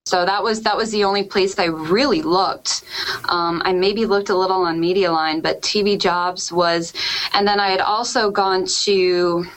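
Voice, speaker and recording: A woman's voice: lowish voice, steady tone, normal speed, a little hiss or hum, poor audio. A woman in her thirties from Connecticut, a TV meteorologist chatting as a guest on a show and laughing often as she acts out her own past thoughts. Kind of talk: casual interview chat.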